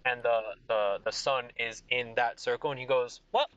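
A man narrating a tabletop game as game master in a casual, halting way. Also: mid-range voice, flat delivery, a bit bright. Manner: casual, halting, many restarts. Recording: dull lo-fi sound.

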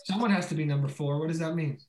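Man co-host, ribbing friends about sports, lively delivery, roomy echo. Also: on the high side, soft background music. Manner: teasing, quick and animated. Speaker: podcast co-host. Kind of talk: casual sports chat.

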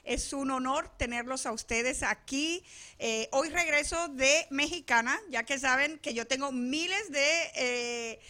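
Bright high-voiced woman radio host. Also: a little slow. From Venezuela. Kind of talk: casual studio chat. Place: radio studio.

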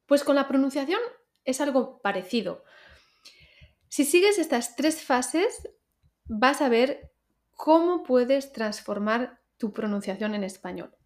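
A woman hosts a pronunciation lesson podcast, her voice sitting a little high. She teaches in a clear, deliberate way, addressing the listener directly. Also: a little mellow.

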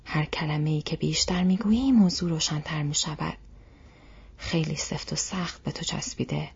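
A woman voicing an old male wizard, stern and patient, who speaks in a low, measured, half-whispered way. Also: gravelly, a little mellow, husky, exaggerated voice. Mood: stern, grave. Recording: dull lo-fi recording.

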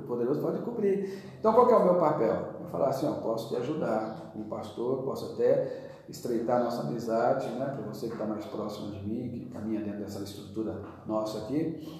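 A man's voice: mid-range voice, a little mellow. A man who is a pastor with a Brazilian Portuguese accent, teaching earnestly and emphatically in a church interview. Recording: very echoey room, voice from a distance.

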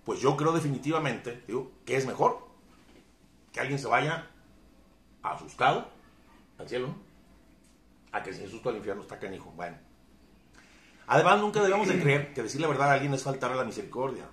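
Fervent preacher in an echoey room. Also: male voice, mid-range voice, very animated, fairly quick, pauses often. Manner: fervent, emphatic preaching with dramatic swings in loudness. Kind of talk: sermon.

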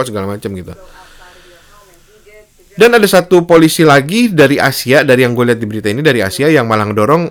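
Young dude telling a story casual, mid pitch, slangy, jumps way up for quotes. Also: male voice, a bit bright. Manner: slangy Jakarta-style speech, acts out quotes in a high voice.

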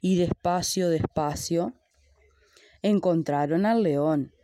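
A woman's voice: fairly low pitch, slow pace, warm tone, no echo, studio quality. A woman reading a children's story aloud with rhythmic repeated refrains.

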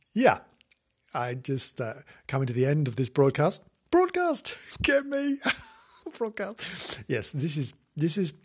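A man's voice: mid-range voice, husky. A man hosting his own podcast, chatting alone in a rambling, playful way and laughing often at himself. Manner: giggly, playful, talks to himself. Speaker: podcast host. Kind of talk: rambling solo podcast chat.

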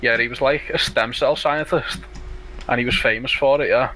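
A man's voice: mid-range voice, moderate pace, a little hiss or hum. A man from Liverpool with a strong Scouse accent, chatting casually and telling sweary anecdotes as a podcast co-host. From Liverpool, England. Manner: sweary, animated storytelling.

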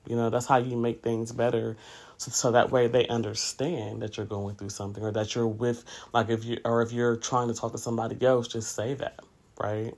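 A podcast host in his late thirties gives a casual, reflective monologue, speaking candidly and dropping in conversational asides along with frequent "you know"s. His medium-pitched voice is a little mellow and a little fast, with a level tone.

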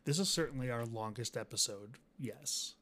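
A man's voice: mid-range voice, normal speed, sharp tone. Laid-back young man on a podcast. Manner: laid-back, dry, teasing. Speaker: podcast co-host. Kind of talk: casual podcast chat.

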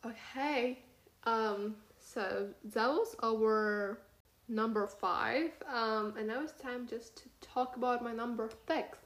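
A woman's voice: on the high side, slow, a bit bright. Chatty teenage girl podcasting, echoey room. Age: teens. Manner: chatty, rambling, many fillers and "you know". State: talking through a sore cut cheek from braces. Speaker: podcast host. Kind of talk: casual solo podcast monologue.

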